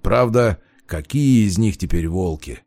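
A man voicing a gruff old wolf shapeshifter. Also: deep voice, expressive, a little slow, darkish tone, no echo, studio quality, full character voice. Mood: grim. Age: older. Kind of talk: audiobook character voice.

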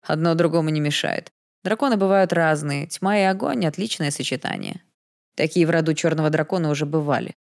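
A woman's voice: low-pitched, brisk, creaky. A woman voicing an arrogant, mocking young male prince in an audiobook, with a smug, teasing manner. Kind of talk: audiobook character voice.

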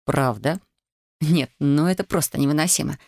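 A calm, commanding male inquisitor, as a woman reader puts him on, speaking slowly and evenly in a lowered, dry voice. He sounds measured, never rushed, in an intimate storybook reading. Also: creaky, dry recording. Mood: stern.

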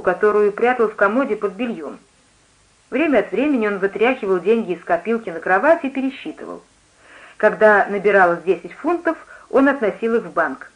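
A woman reading a first-person novel aloud, in an even, measured way. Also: mid-range voice, poor audio. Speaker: audiobook reader. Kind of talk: first-person literary narration.

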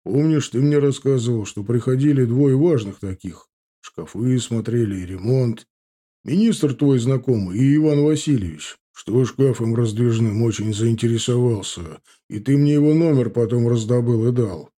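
Male reader as grumbling older father-in-law, husky and dark, audiobook. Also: mid-range voice, normal speed, natural voice. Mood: conspiratorial. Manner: gruff, confiding, drops to a whisper.

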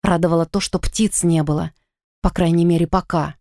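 A woman narrating a first-person fantasy audiobook in an expressive, dramatic reading. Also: lowish voice, brisk, dry recording, clean studio sound.

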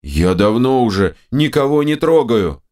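A man's voice: big pitch swings, normal speed. A man voicing the foul-mouthed, screechy right head of a male ogre in an audiobook, snarling and cursing. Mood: grumbling. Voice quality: shrill, creaky.

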